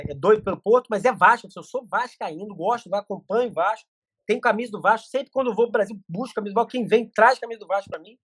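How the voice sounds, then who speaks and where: A man's voice: high-pitched, fairly bright tone, no echo, clean studio sound. A middle-aged man, a podcast guest telling stories in casual chat with many restarts. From Brazil. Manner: rapid storytelling with many restarts.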